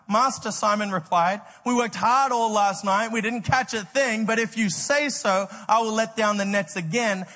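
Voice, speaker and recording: An Australian pastor preaches in a high, bright voice that rings through a large, echoing hall. He delivers a personal story with energy, tripping over repeated words and laughing at his own jokes.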